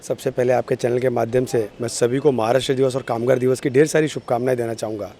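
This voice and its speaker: A political party office-bearer born in Maharashtra, India, offers earnest, effusive interview remarks, often repeating phrases for emphasis. His medium-pitched voice is steady, fast and mellow, with a little hiss or hum.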